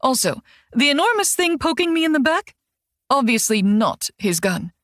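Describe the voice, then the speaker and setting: A woman's voice: sits high, sing-song, normal speed, a bit bright, dry recording, studio quality. A woman narrating a first-person audiobook in a wry, sardonic tone. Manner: wry, sardonic inner monologue.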